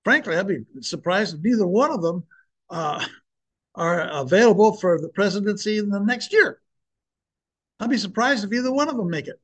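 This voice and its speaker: A man's voice: sits high, lively intonation, moderate pace, a bit bright. An older man speaking earnestly and with emphasis, preaching and sharing a personal testimony with his listeners.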